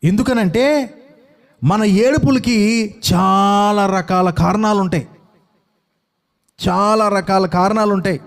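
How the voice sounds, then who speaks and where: A male preacher with a high-pitched voice delivers a sermon slowly, pausing often. His manner is dramatic as he acts out scenes and quotes and fires questions at the congregation.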